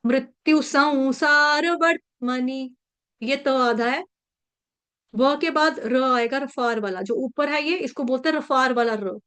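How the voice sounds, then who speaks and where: A woman teaching an online class, patiently drilling the pronunciation of a verse and repeating syllables slowly. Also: high-pitched, fairly bright tone, smooth. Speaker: Sanskrit verse recitation teacher. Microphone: video call.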